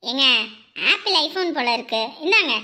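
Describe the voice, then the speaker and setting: A woman playing a brisk, impatient young male courier in a comedy sketch. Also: high voice, expressive, bright, forceful tone. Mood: polite.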